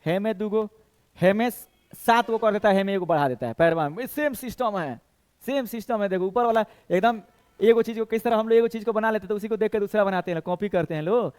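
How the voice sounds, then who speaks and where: A man's voice: high voice, fairly quick, darkish tone, clear, resonant tone. A male coaching teacher with a Bhojpuri-tinged Hindi accent, lecturing for competitive exams and counting bones aloud while quizzing the class. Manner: counts bones aloud, asks and answers his own questions.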